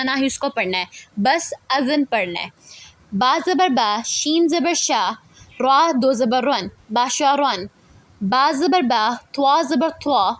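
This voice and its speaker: A high-pitched woman teaches recitation in a patient lesson, sounding out each letter and syllable one at a time. Her voice is close and dry, with no room sound around it. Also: no echo. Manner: slow, deliberate syllable-by-syllable drilling. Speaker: Quran tajweed teacher.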